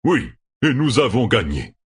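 A man's voice: mid-range voice, big pitch swings, a little slow, husky, pitched above the performer's own voice, full character voice. A man voicing a burly, shrewd innkeeper with a falsely friendly, chummy manner. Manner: chummy, then scheming.

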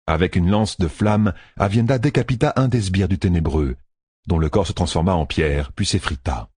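A man narrating an audiobook with steady storytelling. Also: sits low, moderate pace, slightly rough, dry recording, studio quality.

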